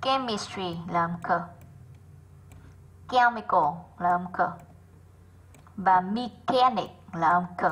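A woman English teacher, going through worksheet answers in an online class, slowing down to sound out each example word and calling on students by name. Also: medium pitch, a bit bright, slightly rough, low-quality recording. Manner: methodical, slows down to sound out example words.

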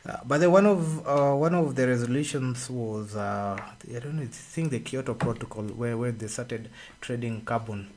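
A man, co-hosting a radio discussion and explaining at an unhurried pace with pauses and fillers, speaking into a studio microphone. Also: mid-range voice, a little mellow. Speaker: radio co-host. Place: radio studio with red walls. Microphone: studio boom mic.

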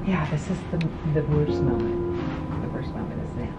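A woman's voice: low voice, expressive, moderate pace, muffled recording. A middle-aged woman chatting casually as a mother in a family vlog. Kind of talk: casual chat. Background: prominent music.

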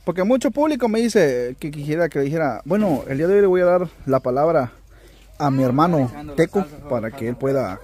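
A man's voice: fairly high pitch, expressive, brisk, a little mellow, breathy edge, dry recording. A man with a Guatemalan accent chatting casually and jokingly with his family and viewers. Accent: Guatemalan Spanish. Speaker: vlogger, taco seller. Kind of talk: casual chat.

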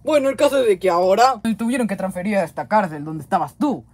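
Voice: mid-range voice, fast, a little mellow, close to an everyday voice. A performer voicing a sheepish pig king who rambles through excuses.

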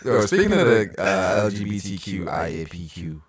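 A man's voice: low voice, animated, normal speed, crowd noise. A man hosting a casual podcast chat from a small home room, talking animatedly and jumping up when he makes a point. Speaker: podcast host.

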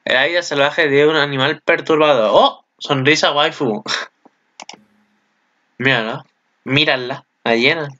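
Excitable bright-voiced Spaniard, lo-fi sound. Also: male voice. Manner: excitable, chatty, with sudden high exclamations. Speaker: video commentator. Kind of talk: casual reaction commentary.

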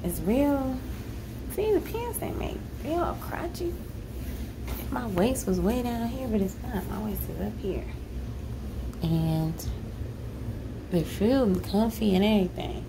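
A woman's voice: mid-range voice, very animated, slow pace, pauses often. An American woman in her thirties, vlogging on a phone and talking frankly to herself as she tries on clothes. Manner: frank, sassy, talks to herself while trying on clothes. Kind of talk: casual vlog chat. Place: store fitting room, then car and street. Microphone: phone held in hand. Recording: phone audio with clear background noise.

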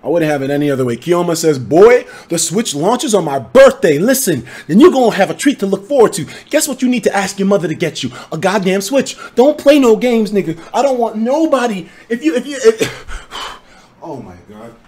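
A young man hosting a livestream, loud and excitable, shouting and swearing as he reacts, his voice hoarse. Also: high voice, normal speed. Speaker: livestream host.

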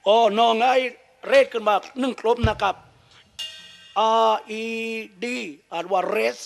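A man's voice: high voice, steady tone, measured pace, soft background music. A man with a Southern Thai accent, a shadow puppet master telling crude comic stories with jokes and laughs. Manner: crude, joking storytelling with laughs.

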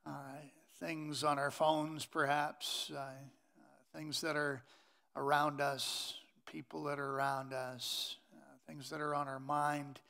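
A middle-aged man preaching from a pulpit in a church sanctuary, unhurried and halting with many fillers. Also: a little high, little pitch movement, gravelly, pushed and bright, smooth. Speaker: pastor. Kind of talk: sermon.

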